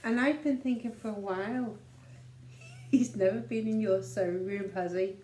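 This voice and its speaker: A woman's voice: mid-range voice, moderate pace, warm tone, echoey room, slight background noise. A middle-aged woman, a mother chatting casually in an easygoing, rambling way as co-host. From Liverpool, England. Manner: rambling, easygoing, filler-heavy. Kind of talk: casual chat.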